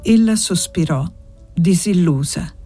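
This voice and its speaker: A woman narrating a classic novel in a measured, steady way. Her voice is mellow and warm, pitched somewhat low, with faint music under it. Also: no echo. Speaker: audiobook reader. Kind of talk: literary audiobook narration.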